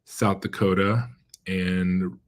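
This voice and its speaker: Speaking slowly in a deep voice with little pitch movement, this middle-aged man appears as a guest epidemiologist in a relaxed interview. Born in China, he grew up in the American Midwest and central Pennsylvania, and his speech is hesitant, packed with fillers and restarts.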